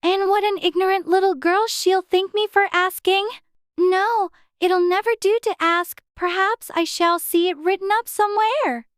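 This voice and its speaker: Chatty little girl, super high voice, prim and dreamy, musing aloud, storybook drama. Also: fairly even intonation, normal speed, dry recording, clean studio sound. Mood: musing, curious. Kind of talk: dramatized audiobook character acting.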